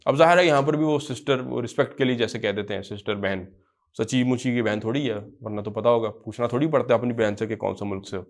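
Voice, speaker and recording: A man with a Pakistani accent gives a classroom grammar lecture at a middle pitch. He drags out the words he is teaching, says them again, and then rushes through short explanations. He keeps checking that the class understands. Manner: drills words slowly, then explains in quick asides; repeats phrases and checks understanding. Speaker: Arabic teacher.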